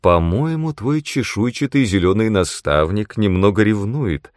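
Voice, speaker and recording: A man's voice: fairly low pitch, lively intonation, no echo, clean studio sound. A man voicing a confident, teasing young female ex-assassin in an audiobook. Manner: teasing, brisk and reasoning. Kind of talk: audiobook character reading.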